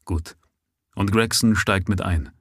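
A man reading aloud, voicing a brisk male detective giving directions. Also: sits low, a bit bright, heavily acted.

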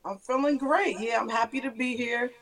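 A woman from Queens, New York, a battle rapper, chatting relaxed and laughing easily as an interview guest. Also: on the high side, normal speed, far from the mic, a crowd in the background. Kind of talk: casual interview chat.

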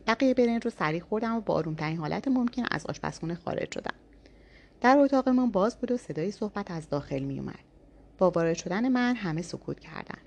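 A woman narrating a first-person audiobook story in a calm, even reading voice. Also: medium pitch, creaky, slight background noise.

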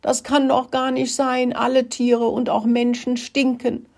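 A woman's voice: on the high side, flat delivery, measured pace, creaky, darkish tone, voice pushed up. A woman voicing a small childlike rat who is crying. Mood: sobbing.

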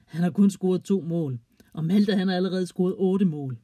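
A storyteller reading a children's story aloud in a plain, even way. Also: medium pitch, no room sound.

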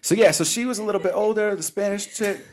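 A man in his twenties with a high-sitting voice talks fast as a podcast co-host. He tells a story in casual, slangy chat, animated and often laughing as he goes.

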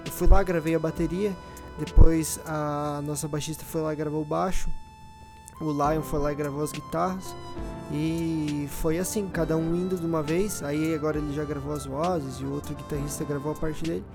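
A man from southern Brazil with a Brazilian accent, chatting casually and slangily as a podcast guest, thinking aloud in halting phrases. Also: fairly high pitch, fairly even intonation, music in the background. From Rio Grande do Sul, Brazil. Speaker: podcast guest, drummer in an independent band.

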